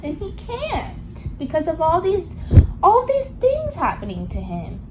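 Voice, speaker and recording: A woman reads a picture book aloud to a young child, coaxing along with questions in a sing-song, child-directed way. Her voice is extremely high with huge pitch swings and a measured pace, and the audio is dull with background noise.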